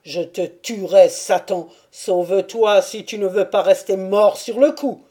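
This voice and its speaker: A woman reading aloud and voicing a fierce, gray-haired old Cossack chief who shouts accusations. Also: mid-range voice, unhurried, breathy edge. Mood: furious. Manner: angry, accusing outbursts.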